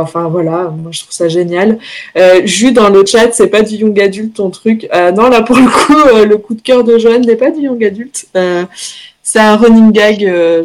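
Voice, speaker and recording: A woman's voice: mid-range voice, a little mellow. A woman co-hosting a casual chat show, talking with many hesitations and fillers and laughing often. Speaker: podcast co-host presenting series picks.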